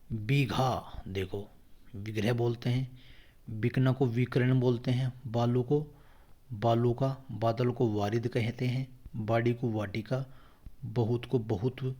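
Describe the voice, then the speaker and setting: Male tutor, mellow mid-pitched voice, running through exam vocabulary lists at a brisk drill pace. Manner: rattles off word pairs, addresses viewers as friends; quick self-corrections. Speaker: Hindi grammar teacher. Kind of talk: exam-prep word list lesson.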